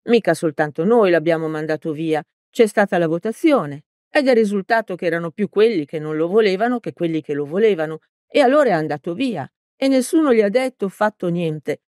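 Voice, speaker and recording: A woman reading an audiobook, voicing a gruff, blustering middle-aged village mayor who talks bluntly. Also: on the low side, animated, a little fast, hardly any pauses, darkish tone, no room sound, studio quality, close to an everyday voice. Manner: blunt, defensive. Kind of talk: audiobook character voice.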